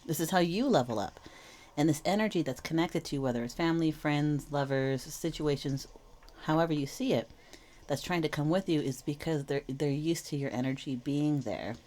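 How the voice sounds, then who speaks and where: A woman's voice: sits low, normal speed, darkish tone. A slightly wheezy woman who is under the weather, giving a reflective, reassuring tarot reading to viewers in a casual, explanatory way. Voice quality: slightly wheezy, with throat clearing. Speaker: tarot reader and channel host.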